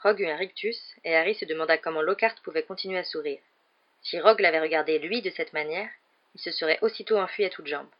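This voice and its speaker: A man narrating a novel as an audiobook reader in a steady, even storytelling manner. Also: a little high, fast. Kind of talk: read-aloud narration of a novel. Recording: dull lo-fi recording.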